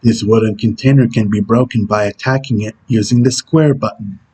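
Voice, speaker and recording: A man voicing a stern, brooding video game antihero who gives terse tutorial instructions in a husky voice. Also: fairly low pitch, fairly even intonation, a little fast, mellow. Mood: stern, instructional. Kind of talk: character impression reading game tutorial instructions.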